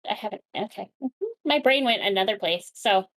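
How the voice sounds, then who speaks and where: A woman's voice: mid-range voice, lively intonation, fairly quick, poor audio. A woman co-hosting a casual podcast chat, laughing often and swearing freely. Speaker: podcast co-host.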